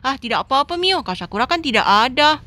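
A woman's voice: sits high, big pitch swings, fast, bright, forceful tone, no room sound, heavily acted. A woman voicing a cheeky, lazy young man in a game role-play, whiny and full of excuses.

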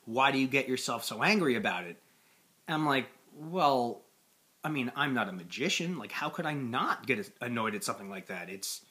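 Bright-voiced young American man, exasperated ranting. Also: medium pitch. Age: young adult. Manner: exasperated, conversational, sweary. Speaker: amateur comedian. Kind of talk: stand-up style rant to camera. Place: small plain indoor room.

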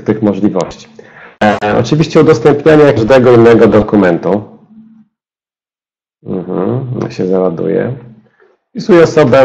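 A low, gravelly man's voice with a dark, mellow tone gives a step-by-step software demonstration. He speaks to his listeners directly, like a trainer in a webinar. The audio is dull and lo-fi. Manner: explanatory, addresses listeners directly.

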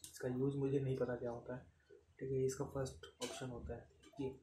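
A man, casually demonstrating camping gear in an unscripted way and filling pauses with "theek hai". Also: mid-range voice, flat delivery. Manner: unscripted, repeats "ठीक है", counts items aloud. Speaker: product reviewer. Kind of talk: casual unboxing demo. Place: room with tiled floor, indoors. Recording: echoey tiled room, noisy.

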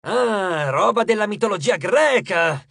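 A narrator voicing an eager, fight-hungry male satyr coach who talks loudly and slowly in an audiobook. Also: medium pitch, expressive, creaky, no echo, clean studio sound, voice pushed up, full character voice. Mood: bellicoso.

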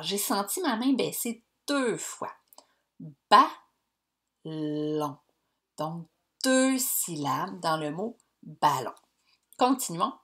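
Slow, lively teacher woman. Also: medium pitch. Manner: slow, clear, encouraging teacher talk. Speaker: primary school teacher. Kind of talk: recorded lesson for young pupils.

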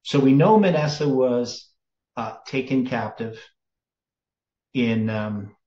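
A middle-aged man teaches in a halting, conversational way, his talk full of fillers and restarts. He speaks into a webcam in a small, roomy indoor space. The sound is dull and lo-fi. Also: mid-range voice, mellow. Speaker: Bible teacher. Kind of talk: teaching sermon with screen share.

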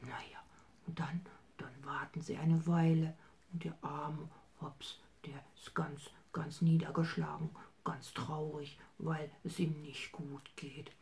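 An older woman from Germany, freely telling a children's story as a grandma, soft and often whispery. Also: sits low, little pitch movement, slow.

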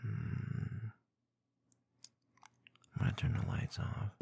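Speaking into a close binaural microphone, a man performs intimate ASMR roleplay in a husky, breathy murmur that often becomes a whisper. He's slow, teasing and dominant, and some background noise can be heard.

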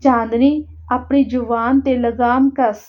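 A woman reading the part of Rashid, a calm, caring older man who asks questions and soothes others. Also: a little high, unhurried, dull audio, lightly acted. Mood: firm.

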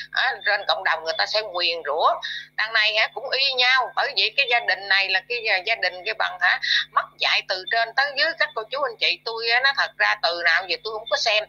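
A woman's voice: medium pitch, sharp tone, husky. A woman with a Southern Vietnamese accent delivering an angry, scolding rant to her audience, full of fillers and insults. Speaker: YouTube commentator. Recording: dull lo-fi audio.

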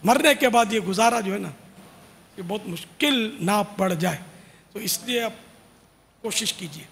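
A man with a high, gravelly voice delivers an earnest, informal sermon to devotional singers, slipping in casual asides as he urges them on. His voice carries a long reverb, as if from a large hall. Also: expressive, fairly bright tone. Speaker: religious preacher.

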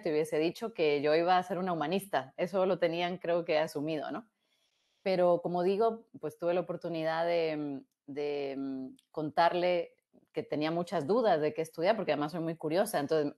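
A woman in her thirties with a Guatemalan Spanish accent, telling her career story in a relaxed, reflective way, often restarting words and adding tag questions, heard through an earbud headset on a video call from a small room. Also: deep voice. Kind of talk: casual conversational storytelling.

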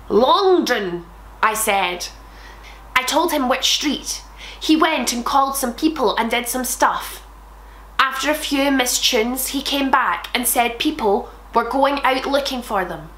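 A woman gives a mocking comedic reading of bad fanfiction, breaking off for sarcastic asides and bursts of laughter. Her voice sits fairly high, and the room around her rings with echo. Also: fairly bright tone. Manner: sarcastic, laughs at the text, swears freely. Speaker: host reading fanfiction aloud.

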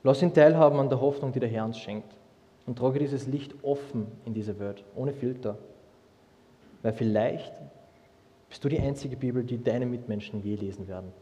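A young man preaching a sermon, lively and humorous, with many restarts as he tells stories. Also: medium pitch, moderate pace. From Austria. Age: young adult. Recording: long hall reverb.

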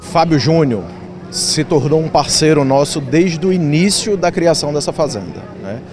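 A man's voice: on the high side, animated, normal speed. A man giving an on-location interview as a business partner. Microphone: handheld reporter's microphone. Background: loud music.

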